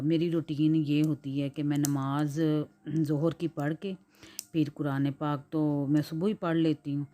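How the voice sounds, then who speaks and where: A woman in her forties with a Punjabi accent chats through her day in a low, mellow voice. She is hoarse from a flu and clears her throat now and then. She rambles easily from one thing to the next. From Pakistan. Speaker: cooking vlogger. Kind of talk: casual chatty vlog narration.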